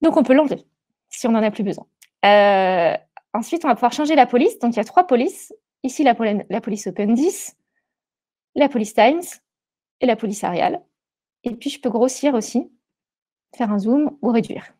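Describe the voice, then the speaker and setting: A woman's voice: fairly high pitch, lively intonation, moderate pace, pauses often, warm tone. A woman giving a live webinar demonstration over screen share, talking through an earpiece headset. She hesitates often, with many fillers and restarts. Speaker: presenter of a product webinar.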